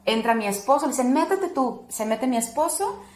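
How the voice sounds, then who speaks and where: Recorded with a roomy echo, a doula appearing as an interview guest tells of a personal experience in a fairly high, fairly quick voice. She is animated and raises her voice to act out what other people said.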